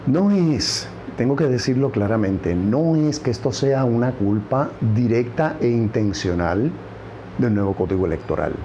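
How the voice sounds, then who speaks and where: A man's voice: medium pitch, animated, unhurried, mellow, dull audio, a little hiss or hum. A man with a Puerto Rican accent giving political commentary on a news program, stressing points by repeating words. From Puerto Rico.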